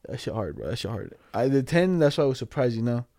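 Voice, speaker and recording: A man's voice: mid-range voice, sing-song, quick pace, gravelly, a little mellow, no room sound, studio quality. A young man chatting casually in slangy frat-boy talk, swearing heavily. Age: young adult. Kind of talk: casual chat.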